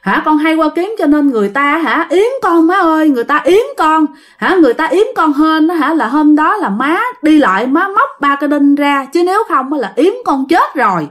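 A woman's voice: lively intonation, normal speed, hardly any pauses. Woman doing a weeping ghost of a young man. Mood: wailing, pleading. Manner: pleading, high and loud. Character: dead young man's ghost, possessing an uncle, weeping.

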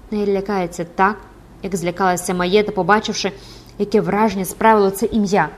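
Expressive female audiobook narrator. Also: medium pitch. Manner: dramatic, expressive reading.

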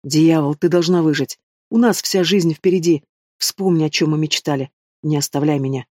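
A man's voice: a little high, steady tone, moderate pace, a little mellow, dry recording, studio quality, natural voice. A man voicing a desperate, fierce young dragon-shifter in an audiobook, speaking urgently. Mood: pleading. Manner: urgent, whispering then roaring. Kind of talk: audiobook reading.

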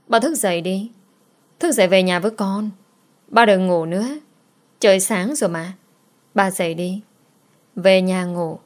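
A woman's voice: medium pitch, close to an everyday voice. Woman voicing a pleading little girl. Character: young girl, sad, pleading and clingy.

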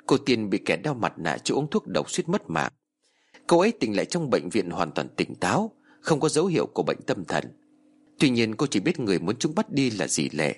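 A man narrating a scripted horror story with dramatic, expressive delivery. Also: lowish voice, breathy edge.

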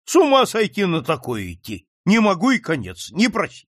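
A man's voice: high voice, huge pitch swings, moderate pace, no room sound, clean studio sound, voice pushed up, full character voice. A man reading an audiobook, voicing an exasperated older male captain who scolds a begging merchant. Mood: scolding. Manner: scolding, incredulous.

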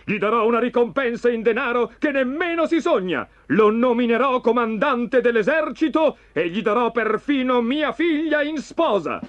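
A man's voice: a little high, lively intonation, moderate pace, few pauses, voice pushed up. Man playing an indignant worried king, raised urgent voice, storybook, dull lo-fi sound, music behind. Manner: exclaiming, urgent. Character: anxious, indignant old king.

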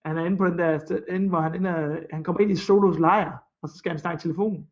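A man's voice: high-pitched, steady tone, highs cut off. A man co-hosting a podcast in casual film chat, chatty and fond of ending remarks with a question. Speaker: podcast co-host.

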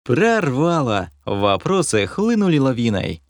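A man's voice: medium pitch, sing-song, a little slow, dry recording, clean studio sound. A man narrating an audiobook in the first person, in a wry, self-mocking way.

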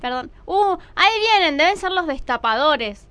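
A woman's voice: high voice, animated, moderate pace, a bit bright. A woman voicing a sulky, cheeky young niece working in her aunt's restaurant, with a Rioplatense Argentine accent, grumbling in a radio comedy.

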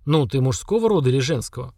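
A man's voice: medium pitch, lively intonation, fast talker, dark tone, no room sound, studio quality. A man voicing a confident young hero with an ironic, questioning, grumbling manner. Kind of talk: audiobook character voice.

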